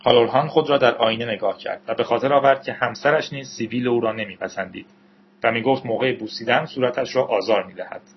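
Male narrator for an audiobook, measured and even, middle pitch; dull, muffled recording. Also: a little hiss or hum.

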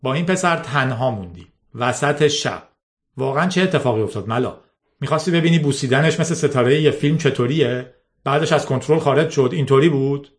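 A man's voice: mid-range voice, close to an everyday voice. A man reading an audiobook, voicing a middle-aged boss who sounds fatherly but controlling. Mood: condescending. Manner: smooth, condescending, controlling. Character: middle-aged male boss, falsely paternal, hard.

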